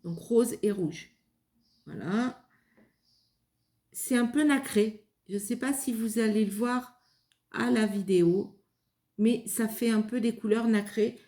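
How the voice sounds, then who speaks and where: A woman hosting a casual craft demonstration, taking her time with a soft, mellow voice. She talks hesitantly, with lots of fillers and restarts. The sound is roomy and echoey. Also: fairly high pitch, slow pace, pauses often. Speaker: craft video host. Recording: echoey room.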